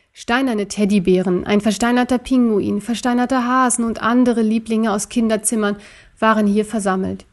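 A woman narrating a children's story in a steady, measured reading voice. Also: on the high side.

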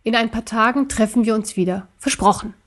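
A small, brave male teddy bear from a children's storybook speaks gently and calmly, as a woman acts him out. His kind, reassuring voice sits a little high. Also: brisk. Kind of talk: storybook character voice.

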